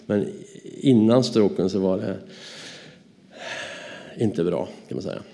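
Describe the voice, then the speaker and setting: Low, mellow Swedish man telling stories. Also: gravelly. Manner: animated, acts out dialogue in his stories. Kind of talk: anecdotal storytelling.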